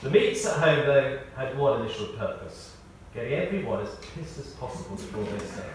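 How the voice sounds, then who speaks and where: Delivering a prepared tribute at a memorial service, a male eulogist tells measured, drily humorous stories in a large, very reverberant church. His medium-pitched voice is very animated. The distant mic leaves him off-mic, with faint noise underneath.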